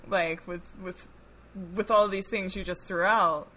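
A woman's voice: mid-range voice, fairly even intonation, a little slow, bright, forceful tone. A woman co-hosting a podcast, chatting playfully and teasing her co-hosts. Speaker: podcast co-host. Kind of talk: casual chat.

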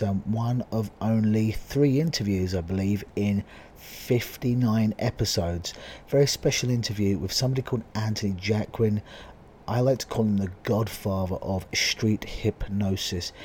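A man with a low, husky voice that is giving out hosts a podcast. He talks casually and on his own to the listener, sounding like he is losing his voice. There is faint noise behind him. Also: darkish tone. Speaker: podcast host. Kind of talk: podcast introduction, casual monologue.

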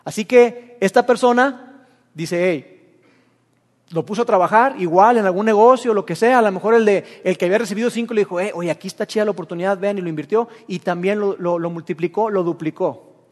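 A man preaching a sermon, retelling a parable and acting out its characters' voices in a lively way. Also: sits high, brisk. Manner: storytelling, acting out the characters' lines. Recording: long hall reverb.

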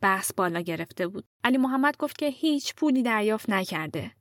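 A woman narrating a true story in a calm, measured storytelling voice. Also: medium pitch, dry recording, studio quality. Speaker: podcast narrator.

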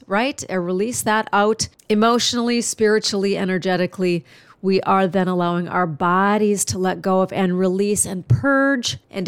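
Talking alone on her podcast, this host chats earnestly with her audience and offers warm, heartfelt encouragement despite an obviously stuffy nose. She has a clear, resonant, medium-pitched voice, captured in a dry recording.

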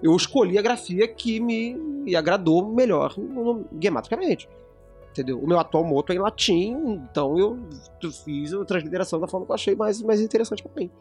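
A man's voice: sits high, lively intonation, fairly quick, darkish tone, soft background music. A man co-hosting a casual podcast discussion, explaining at length with frequent restarts. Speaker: podcast co-host.

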